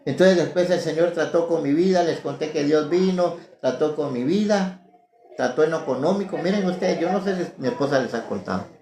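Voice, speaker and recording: A man's voice: fairly high pitch, fairly quick, a little mellow, roomy sound, a little hiss or hum. A man with a Guatemalan accent giving a fervent testimony sermon to a congregation, telling his story with passion. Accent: Guatemalan Spanish. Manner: fervent, storytelling, building to impassioned pleading.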